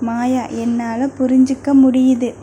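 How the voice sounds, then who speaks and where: A woman's voice: high-pitched, flat delivery, unhurried, dark tone, a little hiss or hum. A woman voicing a shy, lovestruck young woman who speaks timidly and stammers, in an audio novel reading.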